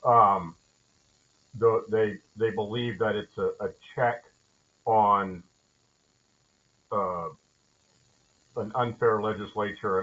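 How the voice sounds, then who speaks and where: Male judge, lower voice, measured and halting delivery, muffled call audio. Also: a bit bright. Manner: halting, thoughtful, many fillers and restarts. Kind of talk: explaining during a training call.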